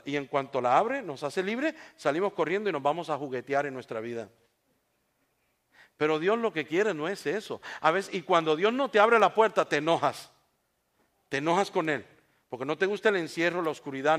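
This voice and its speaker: A male pastor preaching in a fairly high voice, lively and expressive as he tells stories to his congregation. He swings from quiet asides to loud, emphatic climaxes. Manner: animated, storytelling, rising to emphatic peaks. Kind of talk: sermon.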